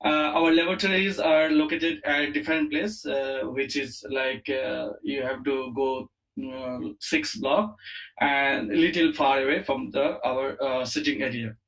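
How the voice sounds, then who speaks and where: A man with an Indian accent giving an online academic lecture as a professor, speaking haltingly with many fillers and repeated words. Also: mid-range voice, fairly even intonation, fairly bright tone, rough recording. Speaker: university lecturer, chemistry professor.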